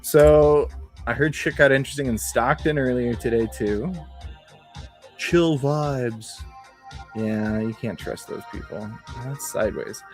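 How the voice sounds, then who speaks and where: A man's voice: mid-range voice, unhurried. A man with a cold hosting a casual livestream, talking in a profane, sardonic, chatty way. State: has a cold. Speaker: livestream host. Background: faint background music.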